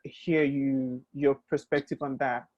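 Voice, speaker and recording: A woman's voice: a bass voice, level tone, takes it slowly, dry recording, muffled recording. A woman from Nigeria hosting a conversational interview, asking questions in a friendly, curious way with many ums. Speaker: host.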